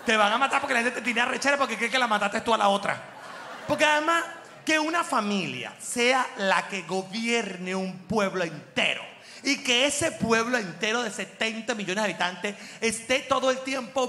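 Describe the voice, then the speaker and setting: Bright-voiced comic, echoey hall. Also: male voice, extremely high pitch. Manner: animated, slangy, mocking, laughing through jokes. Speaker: comedian host. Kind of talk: stand-up style comic monologue. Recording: echoey room with long reverb.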